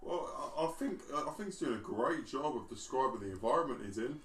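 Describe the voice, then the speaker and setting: A man's voice: medium pitch, expressive, brisk, a bit bright, echoey room, slight background noise. A man in casual banter, sarcastic and swearing freely.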